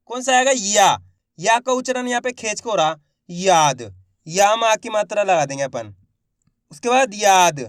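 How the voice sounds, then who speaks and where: A man teaching beginners to spell Hindi words, sounding each one out slowly and repeating his own questions before answering them. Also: sits high, a bit bright, smooth, no room sound, studio quality. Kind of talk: patient spelling lesson for beginners.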